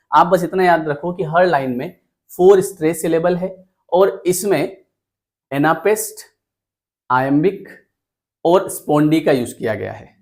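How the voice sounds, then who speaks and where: A man's voice: on the high side, a little mellow. A male teacher with an Indian accent giving an exam-prep lecture, explaining patiently and repeating key points. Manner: mixes English terms into Hindi talk.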